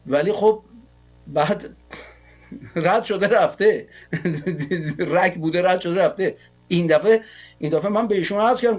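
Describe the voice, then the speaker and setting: A man from Iran hosting a political show, delivering a combative monologue in a taunting, mocking way. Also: sits high. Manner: taunting, mocking, rants with scornful laughs.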